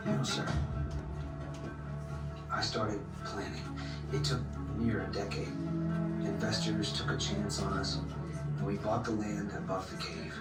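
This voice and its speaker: An actor playing a determined, romantic cave explorer who tells his own story in measured, reflective scripted narration. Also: fairly low pitch, lightly acted. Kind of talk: scripted first-person dramatic narration. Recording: echoey distant playback over loud music. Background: loud music.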